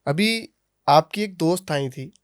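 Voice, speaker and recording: A man's voice: a little high, dry recording, studio quality. A man hosting a podcast, asking curious questions and backing his guest with short hums of agreement. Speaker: podcast host. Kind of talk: casual podcast interview. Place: podcast studio.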